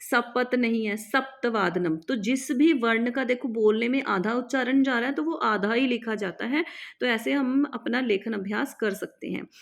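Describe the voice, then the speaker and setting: A woman teacher giving a patient, step-by-step lesson, drilling each word slowly and repeating it. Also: on the high side, creaky. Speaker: Sanskrit teacher. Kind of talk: classroom-style lesson explaining step by step.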